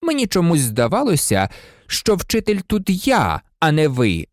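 An audiobook reader voicing a cold, sneering male professor with a slow, silky, menacing delivery. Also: mid-range voice, huge pitch swings, no room sound, studio quality, voice pushed up. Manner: icy, contemptuous.

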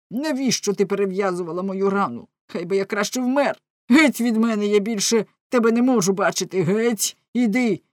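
A jealous, hot-tempered husband, voiced by a woman reading a storybook aloud. He shouts and rants in anguished outbursts. The sound is close and dry. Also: on the low side, dry recording, natural voice. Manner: loud, ranting, anguished outbursts.

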